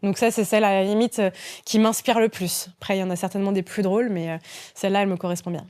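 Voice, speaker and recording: A woman in her thirties, a radio host, chatting in a lively interview with frequent laughs and restarts. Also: medium pitch, fast, clean tone. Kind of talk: casual interview chat.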